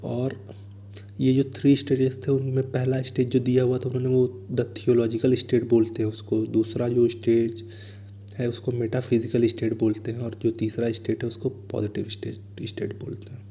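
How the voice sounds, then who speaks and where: A man going through exam answers as a teacher, reading each question slowly and then explaining it in quicker asides. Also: medium pitch, completely flat delivery, dark tone.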